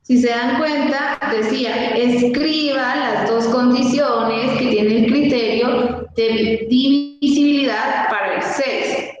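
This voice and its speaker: A woman's voice: fairly even intonation, over music. Woman teacher over a choppy video call. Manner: slow, patient, counting out examples step by step. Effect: low-quality video call stream. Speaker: math teacher. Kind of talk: online math lesson. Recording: dull, echoey, noisy video call audio.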